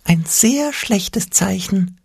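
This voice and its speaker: Whiny fear imp, squeaky high-pitched, dragged-out wailing, husky edge, storybook character. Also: male voice, animated, drawn-out words, a little mellow, dry recording, clean studio sound, full character voice. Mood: whispering fearfully. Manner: shrill whimpering and shrieking. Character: whiny fearful inner voice, a shrill little imp.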